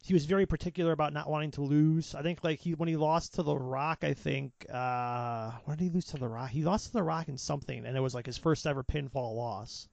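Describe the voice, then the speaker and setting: A man's voice: on the high side, fairly quick, gravelly, hardly any pauses, a little mellow, no echo. A man co-hosting a podcast, chatting casually and rambling with lots of restarts while watching wrestling. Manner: rambling, self-interrupting, chatty. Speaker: podcast co-host. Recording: dull lo-fi podcast audio.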